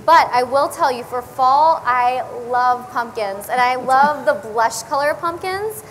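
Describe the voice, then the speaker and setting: A woman's voice: sits high, a little slow, a little hiss or hum, poor audio. A woman in her thirties, a style blogger and TV style expert, talking chattily and with enthusiasm on a panel at an event. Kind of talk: panel discussion. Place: event hall.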